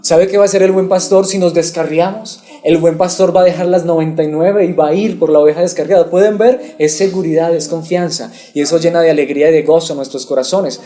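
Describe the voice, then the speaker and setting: A man's voice: fairly high pitch, steady tone, quick pace, few pauses, mellow. A man preaching an expository sermon to his congregation, asking them questions and waiting for them to answer. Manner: asks the congregation questions and waits for replies. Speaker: pastor.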